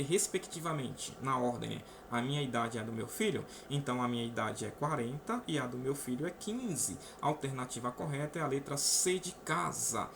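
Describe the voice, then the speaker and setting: A Brazilian man with a medium-pitched, creaky voice teaches students math in a casual online lesson, against a noisy background. Speaking with a Brazilian Portuguese accent, he explains each step in turn and frequently tacks on "né?".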